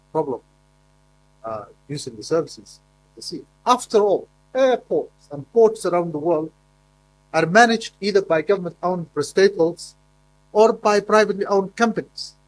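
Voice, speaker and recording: A man with a fairly high voice gives a formal presentation in a conference hall. He speaks emphatically, with frequent fillers and repeated words. The recording quality is low.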